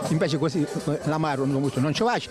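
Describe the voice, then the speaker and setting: An older man with a Sicilian accent, explaining traditional work in casual dialect, halting and repeating himself. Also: fairly high pitch, over music, a crowd in the background. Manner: halting, repetitive, colloquial explanations. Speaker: traditional winemaker recalling his work.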